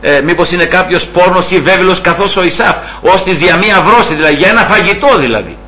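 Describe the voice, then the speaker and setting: A man preaching a sermon, retelling a story with lively acted-out dialogue and occasional laughter. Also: lo-fi sound. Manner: acts out quoted dialogue with raised pitch, laughs while telling.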